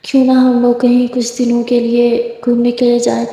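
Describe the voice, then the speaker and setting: A woman's voice: a little high, monotone, dark tone, lightly acted. A woman voicing a bold, playful young college woman who teases and coaxes, in an echoey room. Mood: teasing. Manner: playful, coaxing. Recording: echoey room, long reverb.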